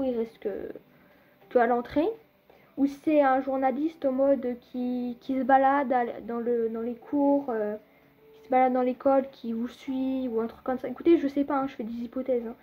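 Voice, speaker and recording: This high-pitched young woman, a gaming video creator, meanders through a laid-back gameplay commentary aimed straight at her audience, stumbling over fillers and pauses. The recording sounds muffled.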